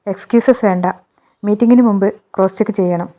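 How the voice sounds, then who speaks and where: Woman doing a stern male boss in his thirties, curt clipped orders, storybook voice, mellow tone. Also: medium pitch, fast, close to an everyday voice. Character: stern 32-year-old male company boss.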